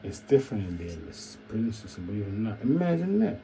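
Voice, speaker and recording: A man riffs on his channel in a very dark, mellow voice that sits a little low. He rambles and repeats phrases, musing out loud and dropping quiet half-joking asides, with faint room ambience behind him. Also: fast, slight background noise, poor audio. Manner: repetitive, musing, keeps saying "imagine that". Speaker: channel host. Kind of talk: rambling solo commentary.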